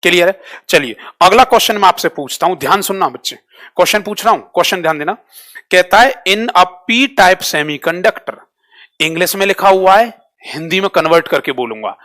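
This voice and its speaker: A man's voice: high voice, lively intonation, pushed and bright. Quizzing male teacher. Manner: drills students with repeated quick questions; switches between Hindi and English terms. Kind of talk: live online class quiz.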